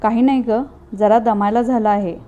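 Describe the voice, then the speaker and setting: A woman's voice: on the high side, steady tone, normal speed, warm tone, lo-fi sound, lightly acted. Woman reading as a weary young father. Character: worn-out young father, tender and strained. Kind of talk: storybook reading.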